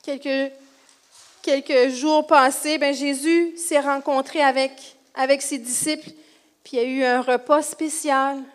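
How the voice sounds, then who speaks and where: A woman with a Quebec French accent playing the grieving, gentle mother of Jesus, telling her story softly and hesitantly. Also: high-pitched, fairly even intonation, a little slow. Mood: sad, gentle. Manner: soft, hesitant storytelling with fillers.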